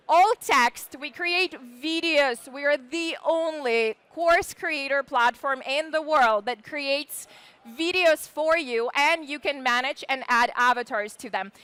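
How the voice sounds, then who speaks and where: A startup founder from Ukraine, whose first language is Ukrainian, gives a live presentation to an audience in a bright, high voice. She's chatty and enthusiastic, using casual fillers, and there's no room sound.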